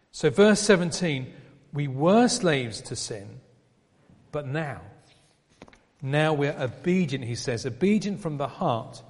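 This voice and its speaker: A man preaching an expository sermon, explaining a passage in a measured way with pauses and restarts. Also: on the high side, darkish tone. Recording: long reverb of a hall.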